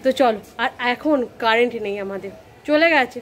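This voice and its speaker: Speaking a little fast and a little high, this Bengali-accented vlogger chats to viewers in her phone-recorded daily vlog while coaxing her child. She films outdoors by fields, then at home. There's slight background noise.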